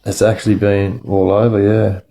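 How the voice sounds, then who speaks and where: Faint music plays behind a Sydney livestream host chatting casually in blunt street slang. He rambles, repeats his phrases, and often says bro or lad to listeners. His voice is low-ish and flat, at a moderate pace, with a dark tone.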